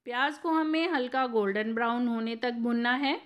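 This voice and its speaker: Female cooking host, fairly high and crisp, instructive recipe voice-over. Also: normal speed, highs cut off. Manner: clear step-by-step instructive.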